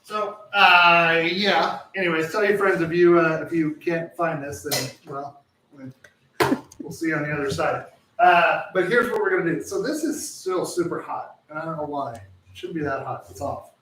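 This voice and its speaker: A man's voice: fairly high pitch, normal speed, sharp tone, roomy sound, distant mic, rough recording. A man hosting a live home cooking show, chatting casually and rambling as he cooks, often correcting himself and joking. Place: home kitchen.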